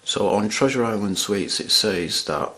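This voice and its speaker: A man's voice: on the low side, animated, a little slow, background noise. Chatty man reviewing candy. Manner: rambling, chatty, restarts sentences while eating. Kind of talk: casual product review. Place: at home in front of a camera.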